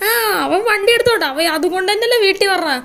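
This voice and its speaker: A woman voicing a worried, doting old grandmother who frets and pleads in a high, shrill voice. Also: rapid-fire, fairly bright tone. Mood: fussing. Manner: wailing, pleading, high-pitched.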